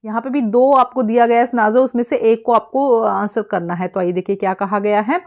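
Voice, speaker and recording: An Indian woman teaching an exam-prep lesson, explaining casually and reading English passages slowly and haltingly. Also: fairly high pitch, a little mellow, highs cut off.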